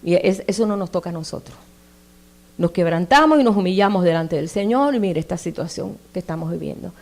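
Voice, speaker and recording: A woman's voice: fairly low pitch, lively intonation, fairly quick, a little mellow. A woman preaching a sermon in a conversational way. She reads scripture aloud with emphatic rises and puts questions straight to her listeners. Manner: addresses listeners directly with tag questions.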